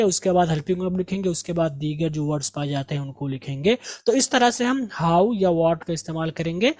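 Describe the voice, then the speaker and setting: A woman teaching English, slowly drilling each word and its meaning in a patient lesson. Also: medium pitch, a little mellow, no echo, studio quality. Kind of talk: slow vocabulary drill lesson.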